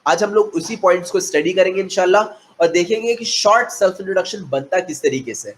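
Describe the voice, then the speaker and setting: A man from India teaching a spoken English lesson, explaining in Hindi, mixing in English phrases and spelling letters out slowly. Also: sits high. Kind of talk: classroom lecture.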